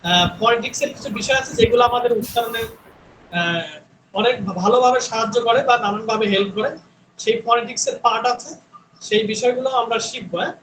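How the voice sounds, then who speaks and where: A man with a very high voice teaches an online English pronunciation class. He repeats each sound several times and keeps checking that his students follow. The room is echoey, with faint noise behind him. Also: fairly bright tone. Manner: drills sounds by repeating them slowly, checks in with "হ্যাঁ?".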